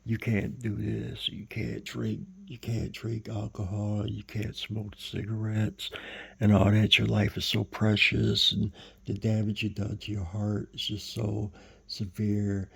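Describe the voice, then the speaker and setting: Stern lecturing doctor, put on by a man telling a story, slow and loud with a gravelly, husky edge. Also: fairly low pitch, monotone, full character voice. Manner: slow, loud, emphatic warnings. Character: stern male doctor lecturing a heart patient.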